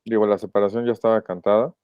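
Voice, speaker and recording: A man with a Mexican accent, a podcast guest giving a personal account in a reflective, halting, emotional way. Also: lowish voice, steady tone, clear, resonant tone, no room sound, highs cut off. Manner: reflective, halting and emotional, often pausing to rephrase. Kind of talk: personal testimony in a podcast interview.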